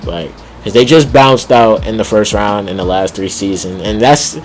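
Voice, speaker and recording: Rambling man with a low voice. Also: faint music behind. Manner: rambling, heavy on "like", quick laughs, slangy. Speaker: basketball vlogger. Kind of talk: casual sports commentary vlog.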